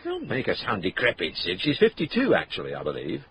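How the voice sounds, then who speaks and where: An actor in his fifties playing a shrewd, urbane police inspector in a radio drama, measured, dry and courteous. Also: on the low side, wildly swooping pitch, a bit bright, slight background noise, exaggerated voice. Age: 50s.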